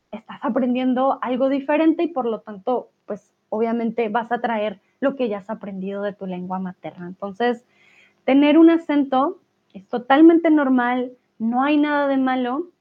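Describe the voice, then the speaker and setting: A woman teaching Spanish in a live class, answering viewer chat and laughing often. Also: sits high. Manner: laughs often, speaks slowly and clearly. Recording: tinny phone-like sound.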